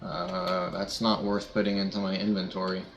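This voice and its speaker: A man's voice: sits low, little pitch movement, normal speed, soft background music. A man streaming a video game, giving casual, sarcastic, joking commentary.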